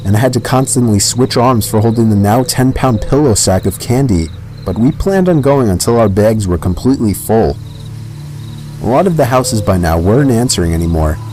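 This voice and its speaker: A man narrating a first-person horror story in a measured, unhurried way. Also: fairly low pitch, warm tone, a little hiss or hum, low-quality recording.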